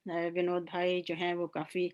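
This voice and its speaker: A woman's voice: lowish voice, completely flat delivery, unhurried, darkish tone, clear, resonant tone, lo-fi sound. A woman at a poetry gathering, reminiscing in a reflective, nostalgic way and bringing in couplets by other poets.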